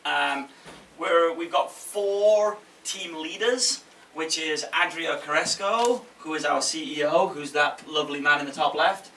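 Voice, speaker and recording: Speaking as a game publisher at an indoor event before an audience, a man gives an informal conference talk in a bright, forceful, slightly high voice at a somewhat slow pace. He's conversational and jokey, checking in with listeners. The audio is roomy, echoey, and faintly noisy, captured far from the mic.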